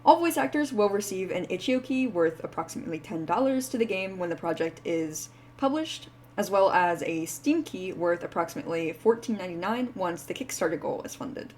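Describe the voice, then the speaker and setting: A casting call from a woman VTuber for her indie game, spoken in a fairly low pitch with a slight hiss or hum present. She reads the terms quickly and informally, with "like" filling many gaps.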